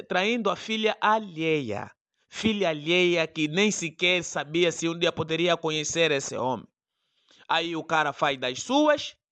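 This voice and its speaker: A man's voice: fairly high pitch, pushed and bright. A man with an Angolan Portuguese accent hosting a comedy segment, telling a playful monologue with repetition for effect. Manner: playful preacher-like storytelling with repetitions. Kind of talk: comic monologue.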